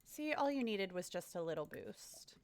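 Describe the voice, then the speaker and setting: A woman's voice: mid-range voice, very animated, moderate pace, darkish tone, clean tone. A young woman casually narrating her gameplay, bubbly, chatty and easily delighted. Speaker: let's play host.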